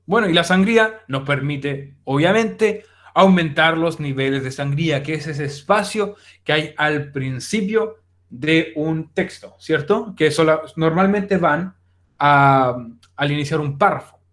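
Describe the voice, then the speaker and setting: A young male teacher guides students through a recorded online class, speaking casually and directly with frequent "eh" fillers. His voice is a little high, fairly bright in tone, and unhurried.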